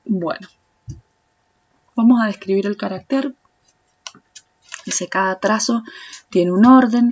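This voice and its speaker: A woman with a Rioplatense Spanish accent walks through a language lesson at an unhurried pace, patiently repeating each sound for the viewer. Her voice sits at a middle pitch. The audio is a little dull and lo-fi. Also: vocal fry, a little hiss or hum. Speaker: Chinese language teacher. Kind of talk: slow step-by-step tutorial explanation.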